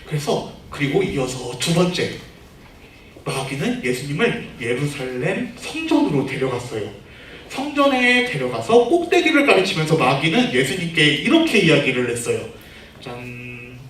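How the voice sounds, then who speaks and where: A man serving as junior pastor gives a children's sermon, asking questions and cueing the group to read aloud. His pitch sits a little high and moves lively. He is heard from away from the microphone in a very echoey church room with faint background noise. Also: moderate pace, recorded from a distance. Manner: animated, asks children questions and leads them in reading.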